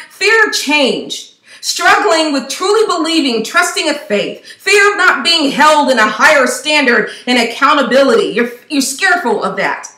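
Woman, high bright voice, fervent devotional vlog preaching, echoey room. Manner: fervent, preachy, rhetorical questions. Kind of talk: impassioned devotional talk to camera.

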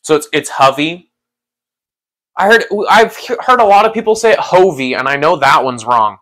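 A man hosting a casual livestream who rambles in a relaxed way, laughs often and talks to his chat. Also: on the high side, fast talker. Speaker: livestream host.

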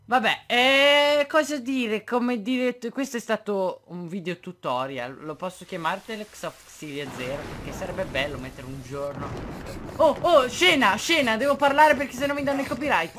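Excitable man doing game commentary. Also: sits high, normal speed. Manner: excitable, exclaiming and joking; reads game subtitles aloud. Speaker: gameplay commentator. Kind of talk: casual let's-play commentary.

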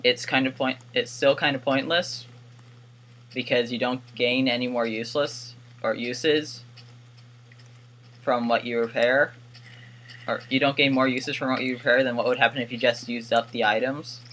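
A man's voice: medium pitch, level tone, moderate pace, a bit bright. A man giving casual gameplay commentary, rambling and correcting himself with wry asides, recorded on a desk mic with faint hiss. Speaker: gaming YouTuber.

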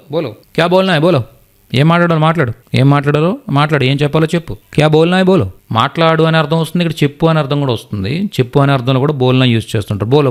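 A man leads an online class over a computer mic, patient and methodical. He says each word, then repeats it along with its meaning, steadily and clearly, in a voice of middling pitch. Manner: repeats each word slowly, translating back and forth. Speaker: Hindi teacher.

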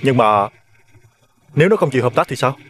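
A man's voice: medium pitch, lively intonation, a little fast, fairly bright tone, lightly acted. An actor playing a wary male gang lieutenant who speaks in a questioning way.

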